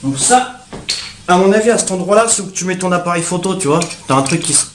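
A man's voice: high voice, lively intonation, fast, roomy sound, background noise. A young man casually unboxing gadgets for his viewers, talking in street slang and calling them brothers. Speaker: YouTuber.

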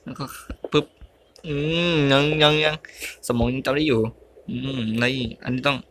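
A young man's steady, mid-range voice moves at normal speed as he casually comments on a game for his YouTube channel, the background noisy. He grunts and mutters throughout, exclaiming at each error.

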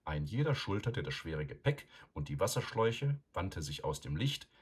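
Deep-voiced man reading a story. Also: slightly rough. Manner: calm, measured storytelling. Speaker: narrator. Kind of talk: scripted audiobook narration.

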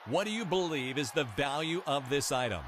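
A man playing an upbeat game show prize announcer in a video game, with a booming, excited, scripted delivery. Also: a little fast, background noise, lightly acted.

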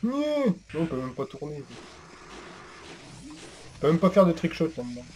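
A man's voice: fairly high pitch, very animated, unhurried, darkish tone, a little hiss or hum. A man doing casual, joking, sweary gameplay commentary. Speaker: gaming YouTuber.

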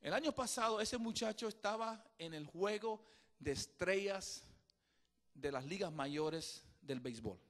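Guy with a high voice preaching, tells a story then gets loud and insistent, repeats stuff. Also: lively intonation, unhurried. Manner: storytelling, builds to emphatic exhortation. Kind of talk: bilingual sermon with interpretation.

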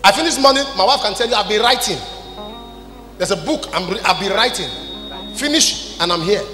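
A Nigerian preacher in his forties, his voice high, bright and forceful with lively intonation, speaks fairly quickly as he leads a church service. On stage with a handheld microphone in a large hall, he scolds the congregation emphatically in short statements, music behind the echoey PA.

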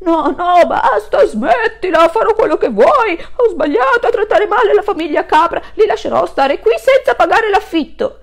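A woman's voice: very high-pitched, expressive, normal speed, few pauses, voice pushed up. A woman voicing a fat, sweaty, bullying male landlord in a storybook, bellowing and blustering. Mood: pleading.

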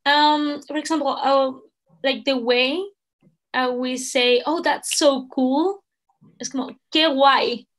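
Speaking slowly with fairly even intonation, this young woman from Spain has a high, somewhat bright voice and a Spanish accent. She's a guest language assistant in a relaxed video chat, talking through her laptop webcam from an indoor room at home, hesitating and using many fillers.

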